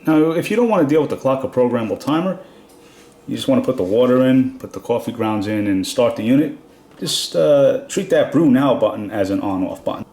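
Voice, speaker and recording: A man with a cold, his voice nasal and stuffed up, walks through a product step by step in a casual how-to demo at home. His mid-range voice is warm and animated, a little fast, and he explains plainly with fillers. The room around him is reverberant.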